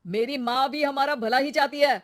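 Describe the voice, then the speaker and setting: A woman voicing a young husband in a cartoon moral story, a man who turns irritable and shouts in arguments. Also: medium pitch, brisk, dry recording, clean studio sound, natural voice. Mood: angry. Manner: irritable, shouts when arguing. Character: young male husband, quick-tempered.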